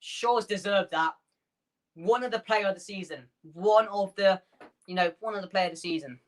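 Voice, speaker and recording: A man hosting a fan watchalong, calling the match player by player in quick bursts and chatting with his viewers between the action. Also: sits high. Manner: rapid player-by-player calls, chatty asides to viewers. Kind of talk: live play-by-play fan commentary.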